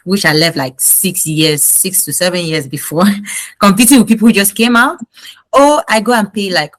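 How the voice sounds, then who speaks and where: Low-voiced young woman from Cameroon. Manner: candid, reflective, with light laughs. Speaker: interview guest, graduate student. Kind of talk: casual interview.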